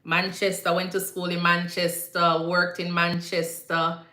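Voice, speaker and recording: A woman's voice: fairly low pitch, monotone, measured pace, bright, forceful tone. A woman with a Jamaican accent, a nurse hosting a casual live Q&A, chatty and repetitive, slipping into patois phrasing now and then. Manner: chatty, repeats herself, slips into patois phrasing. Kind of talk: casual live-stream chat answering viewer comments. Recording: echoey room.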